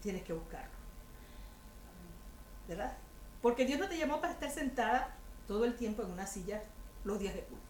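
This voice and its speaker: A woman's voice: medium pitch, expressive, a little fast, long pauses, darkish tone, a little hiss or hum. A woman giving a chatty, humorous sermon to a women's group, often putting rhetorical questions to her listeners. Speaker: women's ministry speaker. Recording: echoey room with faint ambience.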